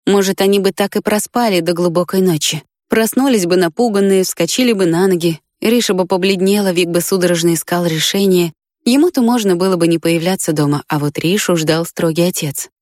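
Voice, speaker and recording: A woman narrating an audiobook in a calm, even reading voice. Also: on the low side, brisk, no echo, studio quality.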